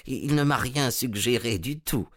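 A man's voice: medium pitch, a little slow. A man voicing a timid elderly male collector, meek, polite and a little stammering.

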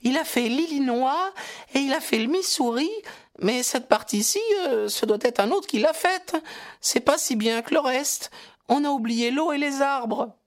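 Chirpy little girl put on by a male narrator, way up high, babbling away, kinda distant and airy sounding. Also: unhurried. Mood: cheerful. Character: chatty, innocent little girl lost in a desert. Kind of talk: audiobook character voice.

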